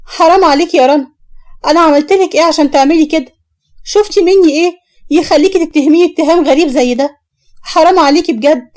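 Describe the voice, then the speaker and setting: A woman's voice: high-pitched, fairly even intonation, fast, long pauses, warm tone, natural voice. A woman with an Egyptian accent voicing a tearful young wife who pleads and reproaches through sobs. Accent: Egyptian Arabic. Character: tearful young wife accused by her sister-in-law.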